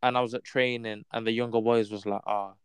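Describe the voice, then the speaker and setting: A man's voice: mid-range voice, little pitch movement, fast, clean tone, dry recording. A young man with a London roadman accent and slang, chatting casually in a group. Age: young adult.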